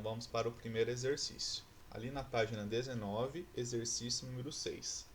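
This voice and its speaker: Brazilian guy teaching a class on video, asks then answers his own questions, bit of noise in the background. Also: medium pitch. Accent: Brazilian Portuguese. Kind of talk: recorded classroom lesson.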